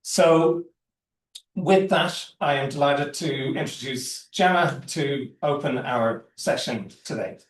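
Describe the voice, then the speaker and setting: A man gives formal opening remarks as an event host, speaking carefully and somewhat haltingly. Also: mid-range voice. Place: indoor university event room with online audience. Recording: echoey room, distant microphone.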